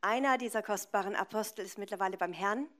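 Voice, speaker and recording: A woman's voice: mid-range voice, quick pace, a bit bright. A woman interpreting a preacher live, phrase by phrase, in a consecutive style.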